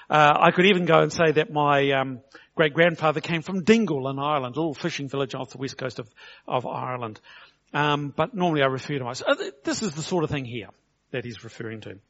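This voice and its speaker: A middle-aged man delivers a relaxed, conversational sermon. His voice sits a touch high for a man, and he slows right down to stress his points and acts out each quote. The recording sounds dull and lo-fi. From New Zealand. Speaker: preacher.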